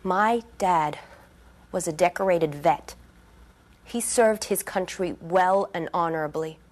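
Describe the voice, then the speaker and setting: A woman's voice: fairly low pitch, takes it slowly. An actress playing a tired young female medical resident who talks in a strained way. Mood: bitter.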